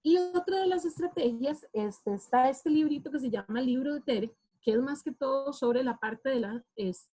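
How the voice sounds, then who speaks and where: A woman's voice: high voice, moderate pace, few pauses, dark tone, husky. A woman with a Costa Rican accent giving an online workshop for parents, speaking informally and often adding fillers and tag questions. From Costa Rica. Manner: informal, often adds "¿verdad?" and "este". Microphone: video call.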